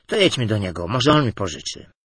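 A man's voice: fairly low pitch, big pitch swings, brisk, fairly bright tone, husky, dry recording, studio quality, full character voice. A man voicing an eager middle-aged sports reporter pleading for a loan, in a read-aloud anecdote.

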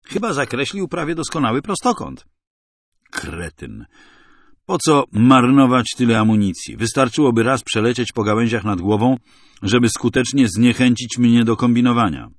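A man reading a first-person thriller audiobook in a wry, hard-boiled, measured way. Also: medium pitch, no room sound, studio quality. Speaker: audiobook narrator.

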